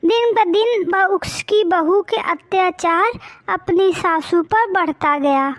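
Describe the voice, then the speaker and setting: A woman narrating a moral cartoon story in a slow, deliberate storytelling manner. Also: very high-pitched, no room sound.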